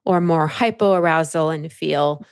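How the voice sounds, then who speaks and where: A woman with a low, gravelly voice runs a coaching session. She explains things calmly and patiently, going step by step and returning to her key phrases. Her voice sits close and dry on the mic. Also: a little slow, no room sound. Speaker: life coach.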